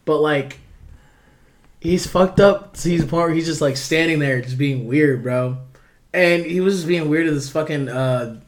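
A man's voice: a little high, measured pace. A young man in casual chat as a podcast co-host, talking like a frat bro, with lots of slang and swearing.

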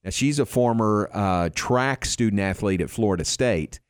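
A man's voice: fairly low pitch, normal speed, clean tone, dry recording, clean studio sound. A man hosting a sports radio show in a casual, conversational style.

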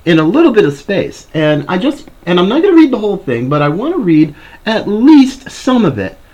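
A man's voice: sits high, sing-song, a little fast, darkish tone, poor audio. A man hosting a political commentary show, addressing listeners with a ringmaster's showmanship. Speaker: talk show host.

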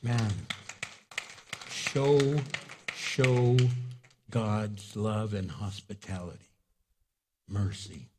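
A male pastor, a native Spanish speaker, delivers a storytelling sermon that erupts into loud, high-pitched bursts. He speaks extremely slowly with frequent pauses, and background noise is audible.

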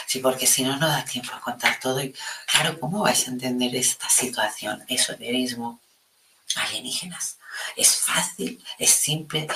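A woman with a European Spanish accent hosting a live spiritual stream, chatting casually and affectionately and often dropping into a soft near-whisper. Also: extremely low pitch. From Spain. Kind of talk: casual live-stream chat reading viewer comments. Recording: echoey room with faint noise.

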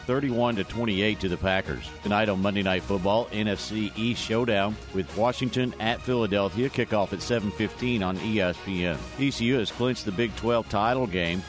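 A male radio anchor delivers scripted sports news. His voice is on the low side, with faint music underneath.

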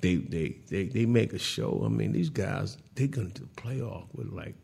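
Gravelly-voiced man hosting a sports talk show. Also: lowish voice, moderate pace. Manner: animated, laughing, teasing rival fans; repeats words and restarts often. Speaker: host.

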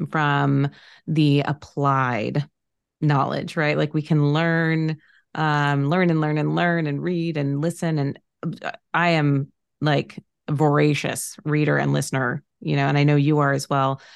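Low gravelly woman in her late thirties. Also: dry recording. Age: late 30s. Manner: warm affirming, drawn-out phrasing with fillers. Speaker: podcast host, financial planner. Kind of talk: casual conversation.

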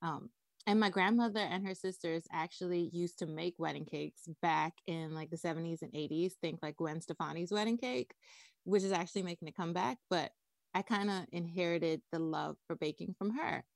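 A woman's voice: on the low side, moderate pace, creaky, no room sound. A woman from the Bahamas, a wedding cake designer, chatting upbeat as a podcast guest. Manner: upbeat, chatty, frequent laughs and "like".

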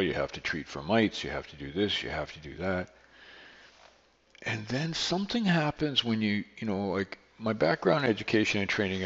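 A middle-aged or older man hosting a podcast alone, talking casually and earnestly in a halting way. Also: sits low, a bit bright. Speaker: podcast host, beekeeper. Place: echoey makeshift indoor studio. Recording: echoey hall-like studio, dull sound.

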